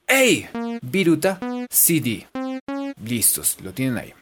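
Playful woman teaching with lively pitch. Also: slow, music in the background. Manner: playful, chatty, encouraging. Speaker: English teacher. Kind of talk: casual online lesson.

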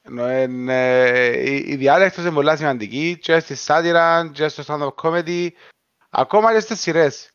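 Male, Cypriot Greek accent, smooth clear voice, casual discussion, dry and slightly dull recording. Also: a little high, fairly bright tone, dry recording.

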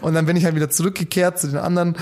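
A young man is telling a story at a rapid clip. His voice sits slightly high, and he keeps slipping into quoted dialogue as the story unfolds, in a loose, chatty way. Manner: fast, animated storytelling with quoted dialogue and Bavarian-tinged slang. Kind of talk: casual chat, storytelling.

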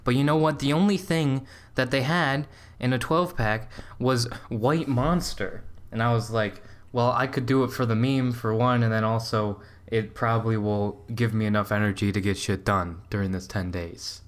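A young man hosting a podcast in casual chat, rambling with laughs and halting starts. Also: mid-range voice, fairly even intonation. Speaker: podcast host.

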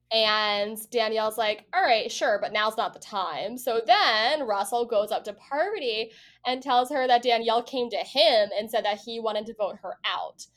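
A woman with a somewhat high voice chats casually as a podcast co-host. She retells events with lively put-on quotes and swears freely. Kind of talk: casual recap chat.

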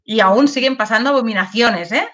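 A woman's voice: a little high, fairly quick, a bit bright. A woman, a guest in an interview, speaking candidly and emotionally with many restarts and tag questions. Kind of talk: personal testimony in an interview.

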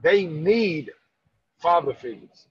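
A man with a high, lively voice speaks earnestly about fatherhood, his tone husky and slightly breathy. He stammers and restarts as he presses his points. The recording is dry and a little dull. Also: slow, no echo. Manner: earnest, emphatic, lots of restarts and stammered repeats. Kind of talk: candid conversational interview.

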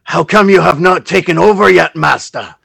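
A man voicing a fanatical male minion of an otherworldly dark lord, fawning and ranting. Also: high voice, normal speed, vocal fry, slightly rough, heavily acted. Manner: zealous, snarling, fawning to his master.

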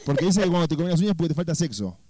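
A man's voice: a little high, sing-song, racing, warm tone, no echo. A man with an Argentine accent hosting a comedic radio call-in, teasing the caller in a crude, mock-flirty way. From Córdoba, Argentina. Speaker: radio host.

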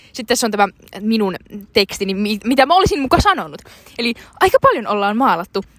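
A woman's voice: fairly high pitch, very animated, no room sound. A young woman co-hosting a casual chat, telling rambling, giggly stories full of fillers. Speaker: co-host.

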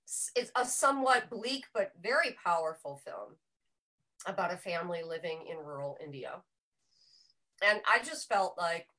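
Woman, bright and clear voice, chatty film talk, self-correcting, small group recording. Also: mid-range voice, rough recording. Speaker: panel member presenting a film pick. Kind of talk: casual film discussion. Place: small room with a group around one mic.

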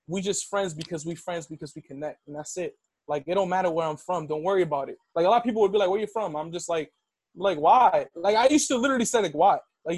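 In a dry recording, a young Dominican man with a high-pitched voice animatedly shares a story from his life. The conversation is casual and laced with "like" and "yo."

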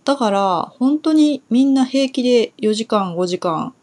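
A young woman from Kumamoto in Japan, talking through a relaxed solo Japanese lesson in a chatty way, pausing on soft fillers as she thinks aloud. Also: fairly high pitch. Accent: standard Japanese. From Kumamoto, Kyushu, Japan. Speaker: Japanese teacher.

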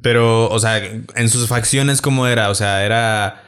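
A man's voice: medium pitch, fairly even intonation, measured pace, a bit bright, smooth. A man hosting a podcast interview, asking questions and reacting with short affirmations. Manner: attentive, frequent short affirmations. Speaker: podcast host. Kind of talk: casual interview.

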